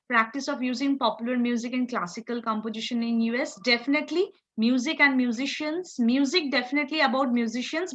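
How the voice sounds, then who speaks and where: A woman's voice: high voice, sharp tone. A woman with a North Indian accent teaching a live online class, encouraging students with short, repeated praise. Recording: slightly dull, lo-fi audio.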